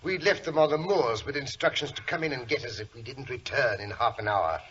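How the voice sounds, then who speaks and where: An actor playing a genial, blustery British doctor who tells stories in an avuncular way, in 1940s radio drama style. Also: male voice, medium pitch, a little fast, a bit bright, natural voice. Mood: genial, storytelling. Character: bluff, genial British doctor, sidekick and storyteller. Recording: muffled, hissy vintage radio recording.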